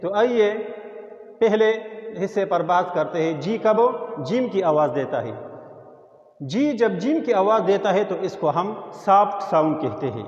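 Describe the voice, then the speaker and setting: Male phonics teacher, slightly high voice, patient listing delivery, echoey and dull room recording. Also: animated, darkish tone. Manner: explains slowly, listing example words. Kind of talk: phonics lesson.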